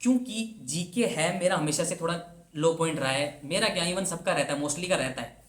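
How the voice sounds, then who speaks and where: A man's voice: on the high side, normal speed. A young man giving a casual, earnest motivational talk to exam aspirants. He talks chattily, drops English words into his speech, and keeps repeating his advice to push the point. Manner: earnest, urging and repetitive. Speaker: banking exam coach. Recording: roomy echo.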